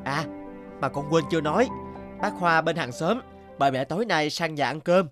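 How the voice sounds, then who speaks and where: A man voicing a patient young husband who reasons gently with his mother in a cartoon. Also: on the high side, normal speed, lightly acted. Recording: loud background music.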